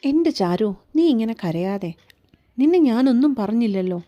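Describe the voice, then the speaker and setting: A woman voicing a teasing, tender young husband in a read-aloud romance story, with a gentle coaxing tone. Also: on the high side, expressive, moderate pace, dull audio, close to an everyday voice. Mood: pleading.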